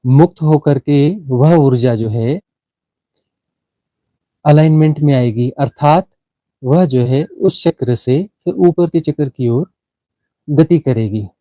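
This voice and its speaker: A man teaching a guided meditation, explaining slowly with frequent restarts and fillers. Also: fairly high pitch, mellow, no room sound, low-quality recording.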